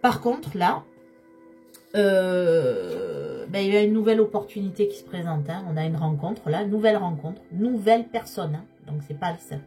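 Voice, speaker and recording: A slightly hoarse woman giving a tarot reading, speaking straight to her viewers and repeating key phrases for emphasis. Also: on the low side, mellow. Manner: repetitive, emphatic, addresses viewers directly. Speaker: tarot card reader.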